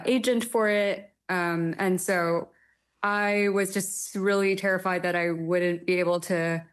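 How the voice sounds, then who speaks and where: A young woman from Taiwan, a literary translator, answering interview questions thoughtfully with frequent hesitant pauses and fillers. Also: mid-range voice. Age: young adult.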